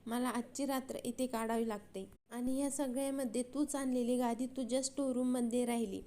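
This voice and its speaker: A woman reading lines for a quick-tongued young woman. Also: a little high, fairly even intonation, natural voice. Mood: bickering. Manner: sharp retorts and pleading.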